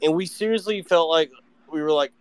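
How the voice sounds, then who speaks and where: A man with a slightly high voice hosts a loose talk show. He tells long, animated stories full of swearing and side remarks, in a casual chat style. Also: a little fast, clear, resonant tone, no echo. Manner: rambling, profane, animated anecdotes. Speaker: podcast host. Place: live online audio room.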